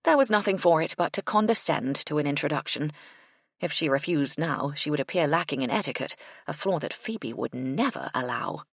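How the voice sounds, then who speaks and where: A woman narrating a cozy mystery audiobook with a measured, expressive delivery. Her voice is low and gravelly with a husky edge. The sound is close and dry. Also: no echo. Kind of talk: scripted narration.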